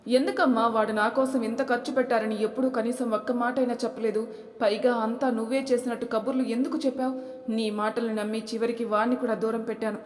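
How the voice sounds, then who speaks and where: A woman's voice: a little high, fairly even intonation, quick pace, close to an everyday voice. A woman voicing a pregnant young daughter who pleads and reproaches her mother, in an echoey room. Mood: reproachful. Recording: echoey room, long reverb.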